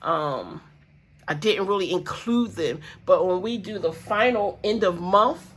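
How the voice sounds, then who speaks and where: Talking to camera about her budget, a stuffy-nosed vlogger rambles with fillers and calls her audience guys and y'all. Her voice is on the low side and expressive, and she speaks a little slowly.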